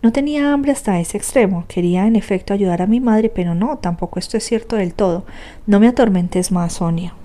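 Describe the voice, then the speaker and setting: A guilt-ridden young man pours out a brooding, anguished confession, as a woman reading the book puts him on. The voice stays mellow and soft-edged, never harsh. It is a plain storybook reading. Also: mid-range voice, brisk, natural voice.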